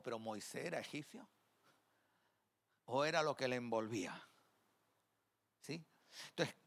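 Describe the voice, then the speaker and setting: A man's voice: fairly high pitch, fairly bright tone. A male preacher giving a sermon, telling a story and asking the congregation questions. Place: church.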